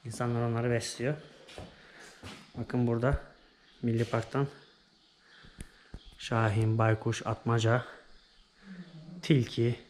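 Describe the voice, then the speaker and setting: In an echoey, noisy setting, a young man vlogs his way through a small museum, calling out exhibits in short bursts. He's a travel vlogger with a mid-range, flat voice who speaks slowly and pauses often during this casual tour.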